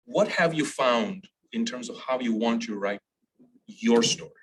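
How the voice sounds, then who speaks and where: A man's voice: mid-range voice, lively intonation, a little slow. A man moderating a panel discussion, talking reflectively with repeats and restarts. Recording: distant mic with faint noise.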